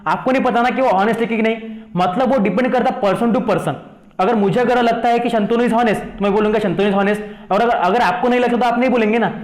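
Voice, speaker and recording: A man's voice: extremely high pitch, fairly even intonation, a little fast, roomy sound. A man with an Indian accent teaching a maths lesson, mixing Hindi and English and often asking students questions to check they follow. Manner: repeats questions to students, coaxing "thik hai na".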